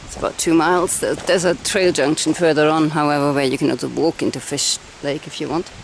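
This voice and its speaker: A woman's voice: low-pitched, fairly even intonation, a little fast, a little hiss or hum. A woman with a Liverpool accent, out of breath, chatting through a casual hiking vlog outdoors on a trail, explaining as she walks. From England. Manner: chatty, explanatory, laughs easily. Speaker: long-distance hiker and vlogger.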